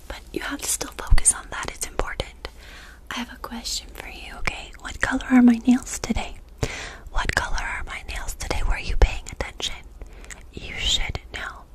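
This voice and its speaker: Casting: young female ASMR artist, whispered role-play as a healer, breathy and close-miked, fast and insistent, commanding, with rapid-fire repetition. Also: fairly high pitch, low-quality recording. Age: young adult. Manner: commanding, directing the listener to focus. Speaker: ASMR performer playing a reiki healer. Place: small dark room indoors. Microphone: close desk microphone.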